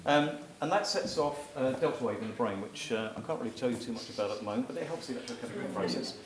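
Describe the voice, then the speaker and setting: The man's fast, mid-range voice carries through an echoey hall as he leads a live audience in exercises during a short talk, instructing energetically and sometimes calling out loud. The mic is distant and the crowd is audible.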